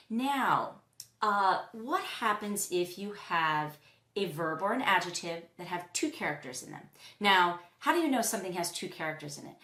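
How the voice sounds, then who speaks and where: A woman teaching a language lesson, explaining clearly and slowing down for example sentences. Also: medium pitch, fairly bright tone. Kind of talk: recorded lesson. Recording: roomy echoey recording.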